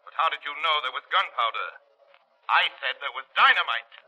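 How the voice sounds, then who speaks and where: A mysterious 1930s radio crimefighter, really piercing forceful voice, a bit high, theatrical and bossy. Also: male voice, lively intonation, brisk, lo-fi sound, a little hiss or hum. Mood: coolly accusing. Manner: theatrical, declamatory, accusing. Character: commanding male mysterious crimefighter, coolly accusing. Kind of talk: 1930s radio drama acting. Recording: old 1930s radio broadcast.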